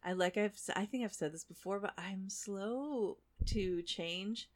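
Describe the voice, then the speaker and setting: A woman in her forties co-hosting a podcast, chatting casually, laughing easily and reacting quickly. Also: mid-range voice. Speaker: podcast co-host. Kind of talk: casual chat.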